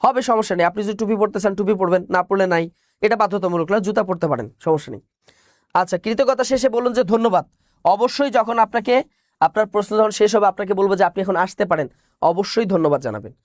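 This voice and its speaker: Fast-talking high-voiced male teacher. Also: no echo, clean studio sound. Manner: explains point by point, repeats key phrases, asks and answers his own questions. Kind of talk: online exam-prep class.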